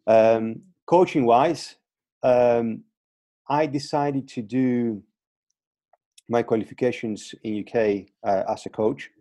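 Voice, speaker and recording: In a casual podcast interview, a Cretan man in his thirties who works as a strength and conditioning coach speaks slowly in Greek-accented second-language English. His voice is medium-pitched and dark, and he hesitates, repeating words and adding fillers. No room sound is audible.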